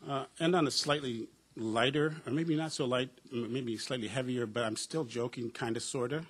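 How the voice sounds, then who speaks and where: During a panel discussion, a middle-aged professor from the United States tells reflective personal stories with wry humor and lots of "uh" and "um." His mid-range voice has a breathy edge and moves at normal speed.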